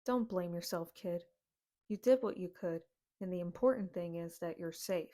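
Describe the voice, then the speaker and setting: A woman's voice: fairly low pitch, normal speed, warm tone, lightly acted. Woman playing a fatherly alien saloon owner, fussy, scolding, protective, fan audio drama. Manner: scolding, protective, calls others kid.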